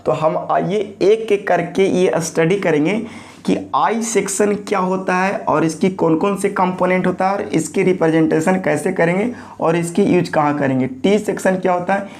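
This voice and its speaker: A man's voice: sits high, normal speed, darkish tone. A man teaching a lecture, asking questions and answering them himself, his voice a little thick from a sore throat. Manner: repeats key terms as call-and-response questions. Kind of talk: classroom lecture.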